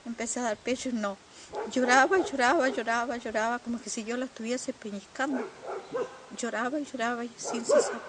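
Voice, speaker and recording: Older Chilean woman giving halting testimony. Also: fairly high pitch, steady tone, heavy background noise. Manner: halting, earnest recounting with pauses and repetitions. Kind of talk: documentary testimony.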